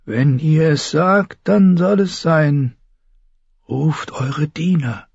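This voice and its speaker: Male reader doing a sharp, proud sorceress-healer in an audiobook: high, husky and slow, knowing and ominous. Slightly dull recording. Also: no room sound. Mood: ominous, solemn.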